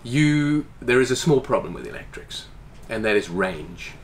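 Interviewed in his boat's salon, this forties-aged owner explains casually at a moderate pace with a mid-range voice. He gestures with his hands animatedly, and there is some slight background noise.

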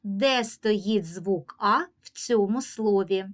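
A woman with a Ukrainian accent teaches young children a reading lesson, giving patient, clearly paced instructions. She speaks at medium pitch and draws out each example word slowly.

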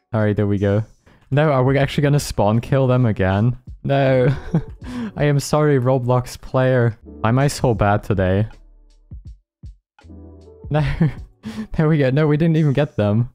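A man's voice: mid-range voice, mellow. A man giving casual gameplay commentary as a gaming YouTuber, often laughing, apologizing and joking at his own expense. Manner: laughing, apologetic, self-mocking.

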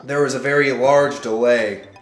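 A man with a nasal voice, chatting and joking casually while playing a party game, quick to swear and get excited. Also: medium pitch. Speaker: gameplay video host. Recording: roomy with game music behind.

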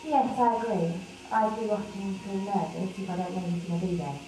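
A shy young virtual woman, voiced by a woman, answers questions with hesitant, reluctant replies. She is heard from a distance in a very echoey room. Steady background noise hangs around her. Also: medium pitch, a little fast, lightly acted. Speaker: interviewee in a study. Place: research VR room.

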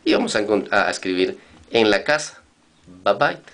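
A man's voice: on the low side, animated, fairly quick, a bit bright. A man teaching Hebrew vocabulary in a recorded lesson, patiently repeating and spelling out words.

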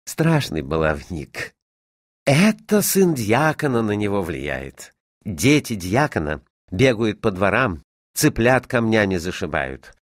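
A man's voice: on the low side, no echo, clean studio sound. A man doing a flustered bashful young tutor. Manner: flustered, stammering.

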